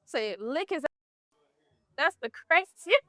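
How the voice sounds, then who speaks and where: A woman, an exotic dancer being interviewed, telling blunt, profane stories in a casual, animated way. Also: high-pitched, slow pace, no room sound, studio quality.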